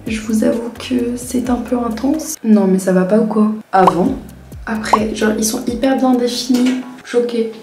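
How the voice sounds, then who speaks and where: A woman's voice: on the high side, unhurried. Chatty young woman in an echoey room. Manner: chatty, self-mocking commentary. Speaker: vlogger testing tips. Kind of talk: casual vlog chat. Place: at home, later a bathroom. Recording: roomy room with faint music.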